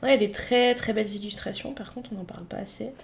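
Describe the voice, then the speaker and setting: A mid-pitched woman chats casually about her books to camera. She is playful and full of fillers, with asides to herself. A faint hiss of noise runs under the voice. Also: fairly even intonation, quick pace, vocal fry. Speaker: book vlogger. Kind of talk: casual unboxing chat.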